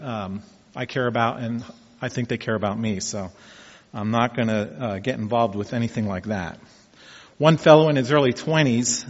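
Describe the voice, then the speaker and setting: A man in his fifties talking casually about taking up marathon running, telling his story in a folksy, reflective way. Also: medium pitch. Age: 50s. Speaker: amateur marathon runner. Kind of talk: casual personal vlog talk. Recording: dull echoey room sound.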